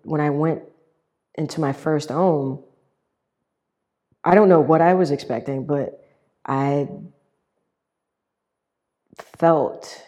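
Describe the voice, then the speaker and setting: A woman sharing a personal story in a halting way, with many fillers and restarts. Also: sits low, mellow. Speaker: guest sharing her experience. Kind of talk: personal testimonial.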